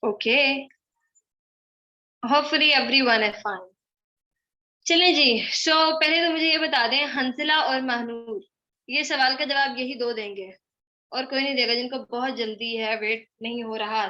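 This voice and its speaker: A young woman with a bright, high voice leads a live online spoken-English class, teasing and scolding her students briskly. She mixes English phrases into her Hindi-Urdu, and the audio is dull and lo-fi, like a computer mic on a video call.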